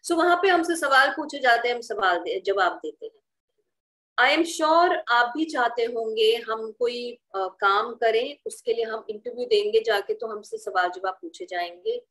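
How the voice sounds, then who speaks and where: A woman's voice: on the high side, expressive, measured pace, a bit bright, rough recording. A woman trainer giving an online training session. She often hesitates, slips English phrases into her Hindi, and checks in with her listeners by asking "right?".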